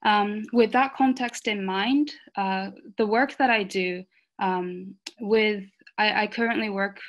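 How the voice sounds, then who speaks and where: A woman who grew up in Rwanda, speaking earnestly on an online panel, with many fillers and pauses. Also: mid-range voice, steady tone.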